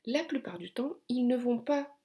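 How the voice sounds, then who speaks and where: A woman's voice: on the high side, animated, normal speed, dark tone. A woman teaching an English grammar lesson, explaining patiently and stressing key words.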